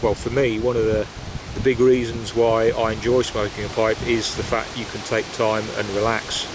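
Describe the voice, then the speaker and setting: A pipe-smoking vlogger muses casually in a woodland setting, his speech hesitant and rambling. He speaks at a moderate pace in a level tone, with a voice on the low side. Basic gear captures wind noise along with rustling leaves.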